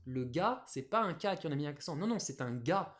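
A man's voice: on the high side, lively intonation, brisk, a bit bright. A man teaching a Japanese lesson on a live stream, explaining patiently with many fillers.

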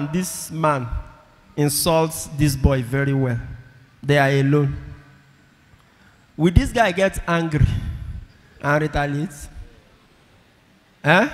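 Emphatic priest preaching in a church. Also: male voice, on the high side, a bit bright. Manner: emphatic, repeats key phrases, calls for audience responses. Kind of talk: sermon. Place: large church with congregation. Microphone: handheld microphone. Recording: long church reverb.

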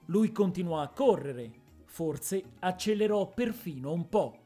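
A woman narrating a fantasy story in a measured, expressive reading style. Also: fairly low pitch, faint music behind. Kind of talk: dramatic audiobook narration.

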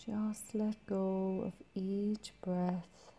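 A woman leading a guided meditation in a soft, breathy, soothing manner, leaving long pauses between short phrases. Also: mid-range voice, level tone.

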